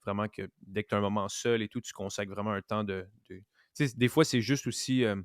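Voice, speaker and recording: A man hosts a faith podcast in a relaxed, musing way, leaning on casual fillers. His voice sits low for a man. The sound is dry and close, and he tends to trail off softly. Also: fairly quick, clean tone, no echo. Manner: relaxed, reflective, many "tu sais" fillers. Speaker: podcast host. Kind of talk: casual interview chat.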